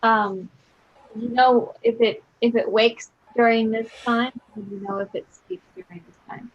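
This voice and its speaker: Higher-voiced woman playing a tabletop game. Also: steady tone, unhurried, muffled recording. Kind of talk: casual game chat.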